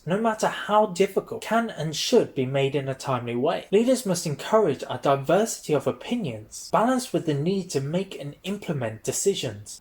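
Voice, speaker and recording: A channel host narrates a prepared script in the manner of a list. Each point opens with a single announced heading word and is followed by a short explanation. The pitch moves around a lot, which keeps the reading animated. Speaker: host of a channel reviewing business books.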